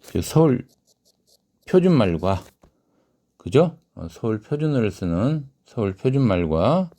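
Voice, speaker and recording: In a classroom lecture on a short story, a male literature teacher poses questions to the class and then answers them himself, reading quoted lines aloud in a raised voice. His voice is medium-pitched and warm, very animated yet unhurried.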